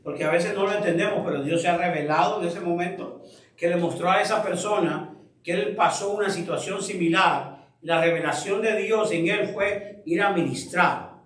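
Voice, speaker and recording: A man with a high-pitched, somewhat bright voice leads a Bible study in a church room, speaking at a moderate pace. He reflects aloud and asks the group questions. The room is echoey, and his voice sounds distant.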